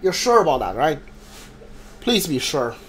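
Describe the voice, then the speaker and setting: A man with a high voice streams a video game and chats with his viewers in casual, rambling commentary. He speaks a little slowly with big swings in pitch, often looping back to the same point in hesitant phrasing.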